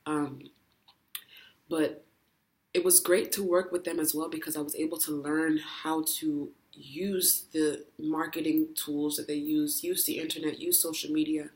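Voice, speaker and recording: Casual woman eating on camera, lots of ums, kinda monotone, stuffed and hiccuping. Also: low-pitched, a little slow. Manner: chatty, filler-heavy with frequent ums and likes. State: full, hiccuping and burping. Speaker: mukbang vlogger. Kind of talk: casual chat while eating. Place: indoors, home in Dubai. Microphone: camera mic, no tripod.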